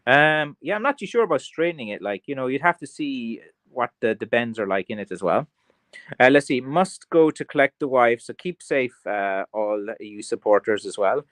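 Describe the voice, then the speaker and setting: A man's voice: mid-range voice, expressive, normal speed, a bit bright, no echo. A man with a mild west of Ireland Kerry accent, chatting casually on a livestream in a rambling, tongue-in-cheek way as he answers comments. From County Kerry, Ireland. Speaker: craftsman streamer selling blackthorn sticks.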